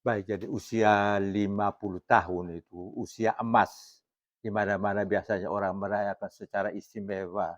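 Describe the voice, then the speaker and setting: A man in his late seventies with a low, unhurried voice, speaking calmly and nodding along with quick yeses. The sound is dry and close, a little dull and lo-fi. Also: dry recording. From Maumere, Flores, Indonesia. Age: 70s. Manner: calm, affirming with repeated short yeses. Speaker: retired school principal, guest. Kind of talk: casual interview.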